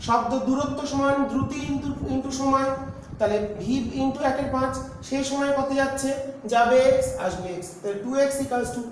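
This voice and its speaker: In a classroom lecture on physics, a man speaks at normal speed in an extremely high pitch with a steady tone. He explains things one step at a time and raises questions only to answer them himself, in a very reverberant room with a little noise.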